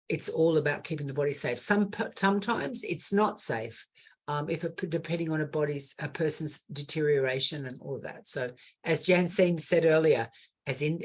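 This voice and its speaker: A woman's voice: on the low side, a little mellow. A woman, an end-of-life doula, earnestly telling a story on a video-call webinar and repeating words for emphasis. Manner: earnest, impassioned, repeats words as she builds a point.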